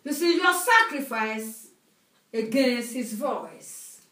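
A woman preaching a sermon through an interpreter, lively and often laughing between phrases. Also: fairly high pitch, takes it slowly. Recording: echoey hall, mic at a distance.

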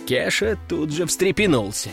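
A man narrating a first-person audiobook story in a wry, measured way. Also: on the high side, sing-song, creaky. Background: faint music.

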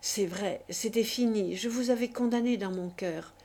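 A woman's voice: medium pitch, moderate pace, darkish tone, close to an everyday voice. A woman voicing a torn, embarrassed woman who speaks hesitantly and earnestly.

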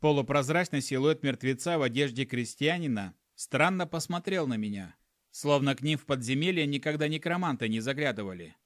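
A man narrating an audiobook in a brisk, sardonic manner, acting out his own lines. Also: medium pitch, expressive, no room sound, clean studio sound.

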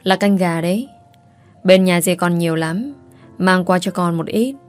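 A woman voicing a bossy, quick-tempered middle-aged mother. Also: on the low side, faint music behind, lightly acted. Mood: kindly. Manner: scolding, emphatic.

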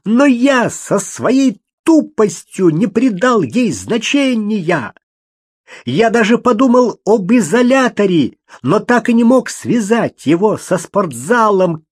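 A man reading an audiobook, voicing an excitable young man who shouts and mocks. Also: slow, husky, no echo, studio quality, exaggerated voice. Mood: agitated. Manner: shouting, high-strung, mocking. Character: excitable young man, loud and self-reproaching.

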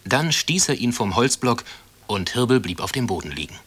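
A man reading a children's story aloud in calm, measured school-radio narration. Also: mid-range voice, husky. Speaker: reader.

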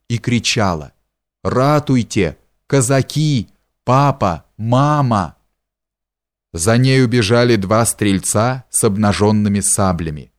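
A man reading a historical novel aloud as an audiobook, steady and measured. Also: medium pitch. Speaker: audiobook reader. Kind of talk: scripted narration of a historical novel.

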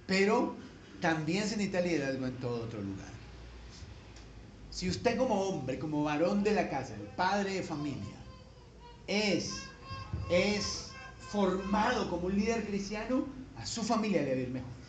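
High-voiced Colombian pastor in an echoey church. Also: male voice, big pitch swings, normal speed. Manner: folksy and joking, building to emphatic peaks. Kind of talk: conversational sermon. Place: church sanctuary.

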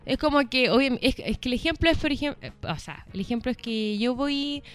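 A woman's voice: high voice, expressive, a little fast. A woman teacher with a Chilean Spanish accent explaining things in a casual chat, often checking in with "¿ya?" and laughing lightly. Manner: chatty, checks in with "¿ya?", laughs between points. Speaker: English teacher.

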